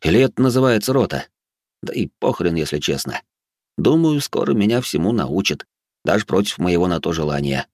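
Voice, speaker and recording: A man's voice: sits low, sing-song, fairly quick, darkish tone, no echo. A man narrating a gritty first-person audiobook in an intense, dramatic way on a close studio mic.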